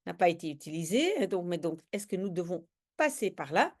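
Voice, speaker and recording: A woman language teacher reading a comic aloud and explaining it slowly and carefully. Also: fairly low pitch, very animated, a little mellow.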